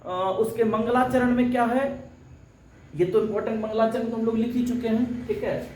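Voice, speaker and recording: A man teaching a live coaching class, with a high voice and an echoey room around him. He puts a question to his listeners and answers it himself, and at times he chants verses in a recitation tone. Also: fairly even intonation, moderate pace, a little mellow, a little hiss or hum. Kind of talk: live online exam-coaching lesson.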